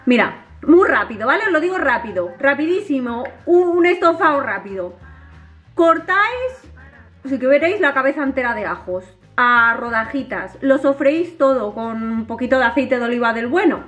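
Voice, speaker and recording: A woman's voice: sits high, normal speed, faint music behind. A woman, chatting casually to viewers in her home kitchen as a vlogger. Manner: chatty, animated, addresses viewers directly. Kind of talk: casual home vlog chat.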